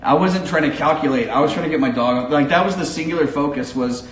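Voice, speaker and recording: A man being interviewed as a K9 handler who tells his story with energy, acts out the commands he shouted, and laughs often. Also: a little high, fast, recorded from a distance. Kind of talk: casual interview. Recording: echoey and off-mic, faint background noise.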